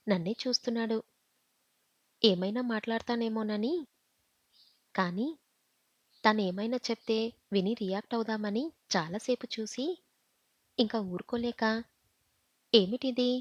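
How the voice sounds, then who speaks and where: Woman audiobook storyteller, steady intimate delivery, slightly high, muffled lo-fi sound. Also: dry recording. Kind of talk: first-person audiobook narration. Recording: dull, dry lo-fi recording.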